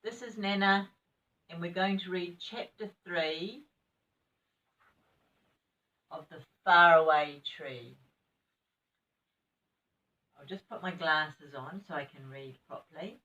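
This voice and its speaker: A sweet older woman with a New Zealand accent, reading a children's story in a gentle, expressive grandmotherly way with chatty asides. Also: fairly low pitch, slow pace, long pauses, recorded from a distance, rough recording.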